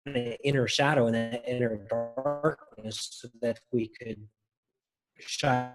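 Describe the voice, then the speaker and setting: A man speaking earnestly on a video call whose audio breaks up, slows and drops out. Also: mid-range voice, steady tone, soft background music, rough recording. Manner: earnest, rambling with restarts. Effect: video call audio breaking up, slowing and dropping out. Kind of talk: casual discussion.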